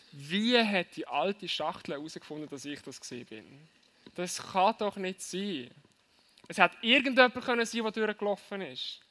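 A man preaching to young people, telling a lively story and asking his listeners direct questions. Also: a little high.

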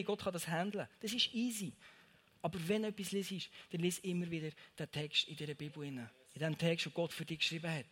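A man's voice: high-pitched, fairly bright tone. A young man gives a casual devotional talk, speaking straight to the listener and repeating his phrases for emphasis.

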